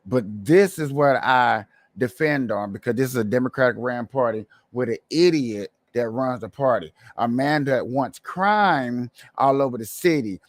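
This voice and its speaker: A man's voice: medium pitch, normal speed, no room sound. A man hosting a livestream with casual political commentary, opinionated and colloquial, repeating phrases for emphasis. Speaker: livestream host.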